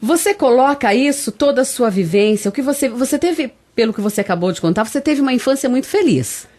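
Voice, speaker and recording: A woman's voice: high-pitched, animated, fast talker, a little mellow. A Brazilian woman hosting a radio interview in a studio, asking questions and dropping in brief encouraging remarks. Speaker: radio host.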